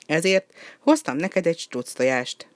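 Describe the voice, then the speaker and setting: A reader voicing a boastful, mischievous young male penguin who talks loud and teasing. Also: mid-range voice, expressive, no echo, lightly acted. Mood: cocky, teasing.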